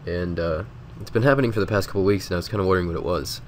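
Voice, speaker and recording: Low-voiced stuffy-nosed man chatting. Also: very fast, a little hiss or hum. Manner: rambling, relaxed, lots of filler words. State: sick with a stuffy nose. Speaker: gaming video host. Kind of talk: casual game commentary voice-over.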